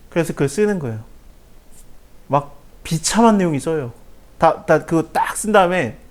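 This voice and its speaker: A man leading a Bible study, talking casually and acting out quoted prayers with feeling. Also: fairly high pitch. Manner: animated, laughs while telling stories, acts out quoted prayers. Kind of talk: casual Bible teaching talk.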